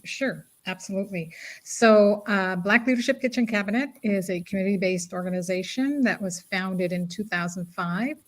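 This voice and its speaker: A woman's voice: medium pitch, normal speed. A middle-aged woman from Guyana, a guest advocate speaking earnestly and reflectively in conversation. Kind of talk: casual conversation.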